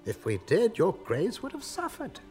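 An actor playing a grave middle-aged man who leads and consoles, measured and commanding. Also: high-pitched, huge pitch swings, mellow, faint music behind. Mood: tender.

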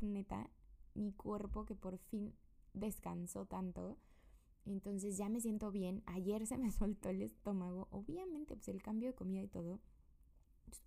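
Chatty Mexican woman with a gravelly voice. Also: medium pitch, mellow. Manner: chatty and rambling, many fillers. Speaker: podcaster. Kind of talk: casual personal update monologue. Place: her room.

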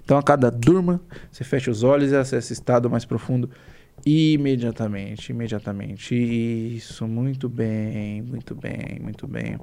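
A man with a Brazilian accent leading a hypnosis induction as a hypnotist, in soothing, repetitive commands with deliberate pauses. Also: medium pitch, vocal fry, warm tone. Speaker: hypnotist guest.

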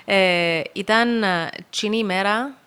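A young woman with a Cypriot Greek accent, a rally co-driver talking as a guest in a relaxed podcast chat, telling stories loosely with plenty of fillers. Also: mid-range voice, smooth. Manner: chatty, loose storytelling with many fillers. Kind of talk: casual podcast conversation.

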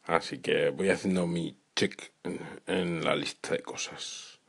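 A man with a gravelly, husky voice talking casually in a voice message. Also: sits low, steady tone, slow pace, fairly bright tone.

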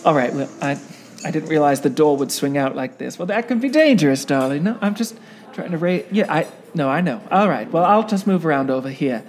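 A stage performer delivers comedic mockumentary talk, theatrical and grandiose and full of self-drama, in an expressive medium-pitched voice at a fairly quick clip. He is first in a car parked in a lot, then in a small restaurant.

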